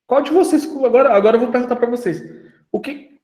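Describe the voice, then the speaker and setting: A man's voice: very high voice, fast, a little mellow, roomy sound. A man mentoring an online audience in a casual, slangy talk, asking them questions as he goes.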